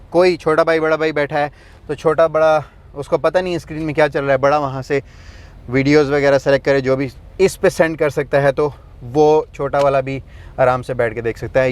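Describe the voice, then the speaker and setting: Recorded in a big vehicle with noise in the background, this relaxed car review comes from a man whose pitch sits fairly high. He shows off each feature while describing it, leaning heavily on filler words.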